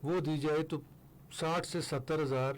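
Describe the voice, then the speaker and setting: An older man from Pakistan, a foundation head speaking as a guest in a radio studio interview, explaining steadily with pauses and fillers. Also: fairly high pitch, fairly even intonation, slight background noise.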